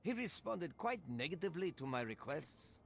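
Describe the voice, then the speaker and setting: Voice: medium pitch, big pitch swings, moderate pace, vocal fry, slight background noise. An actor voicing a haughty, sinister video game villain with formal, precise, condescending speech who toys with the listener. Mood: haughty, amused. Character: creepy, haughty little girl hiding a sinister controlling old man. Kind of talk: video game character acting. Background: game music.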